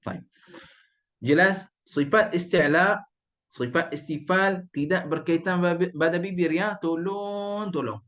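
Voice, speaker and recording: A man teaching Quran recitation in an online class, patiently drilling letters and repeating them slowly. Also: high-pitched, fairly even intonation, a bit bright. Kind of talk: online tajwid lesson.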